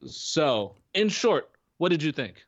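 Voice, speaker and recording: A man's voice: a little high, very animated, slow pace, dry recording, muffled recording. A man co-hosting a podcast in casual chat, rambling with many restarts and fillers. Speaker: podcast co-host. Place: home in Florida.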